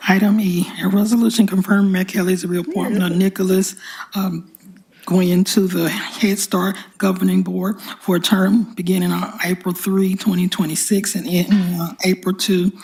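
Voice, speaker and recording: Woman clerk, flat delivery, a little fry, formal agenda reading. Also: on the low side, normal speed, a little hiss or hum, poor audio. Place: city council chamber.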